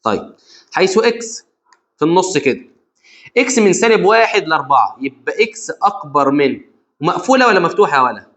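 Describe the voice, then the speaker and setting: A young man with an Egyptian Arabic accent teaching a math exam review, animated and repeating key rules to his students. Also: fairly high pitch, a little fast. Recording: lo-fi dull sound.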